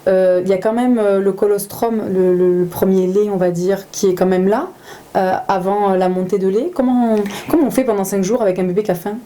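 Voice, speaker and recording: Woman host, warm mellow voice, casual, agreeable interjections. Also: medium pitch, fairly even intonation, fairly quick. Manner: affirming, chimes in often.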